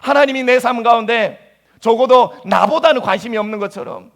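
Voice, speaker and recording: A male pastor preaching a sermon in a church, acting out anguished prayers in a voice that jumps higher. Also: a little fast. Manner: acts out anguished prayers in a high voice. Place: church sanctuary.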